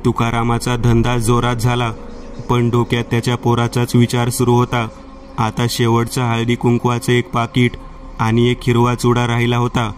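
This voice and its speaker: A man reading out a horror story as a scripted narration, with steady, even storytelling. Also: medium pitch, normal speed, slight background noise.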